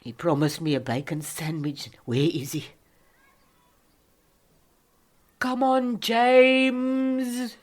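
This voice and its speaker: This radio-play monologue comes from a down-and-out South African woman getting on in years, lonely yet defiant. She rambles slowly, muttering to herself before breaking into feisty outbursts, in a slightly high, steady voice that sounds cold and forlorn.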